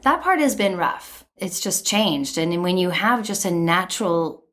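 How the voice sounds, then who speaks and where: A middle-aged woman and voice actor chatting casually, with a sweet, smooth voice and crisp enunciation. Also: fairly low pitch, expressive, a little slow, a bit bright. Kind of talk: casual chat.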